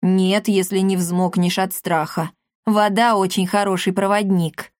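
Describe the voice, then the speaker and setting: A woman's voice: mid-range voice, flat delivery, unhurried, no echo, lightly acted. A woman voicing a practical young boy who explains plainly, close to her own voice.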